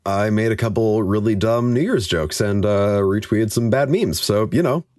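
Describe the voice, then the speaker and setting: A man co-hosting a podcast, reading a story aloud and chatting casually, animated and jokey. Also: on the low side, moderate pace, no echo, studio quality. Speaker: podcast co-host and story reader.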